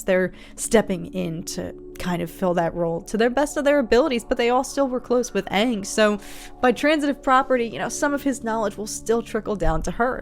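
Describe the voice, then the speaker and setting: A woman's voice: medium pitch, vocal fry, a little mellow. Reflective woman talking over music. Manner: earnest, reflective, rambling analysis. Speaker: reaction video host. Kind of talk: casual spoken commentary on a show.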